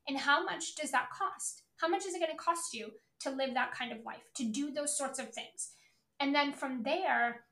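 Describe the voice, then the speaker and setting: Female sales coach, high register, hard-hitting motivational delivery with swearing and insistent repetition, recorded in a reverberant room. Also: sharp tone. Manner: blunt, emphatic, repetitive, swearing. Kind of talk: motivational coaching talk to an online audience.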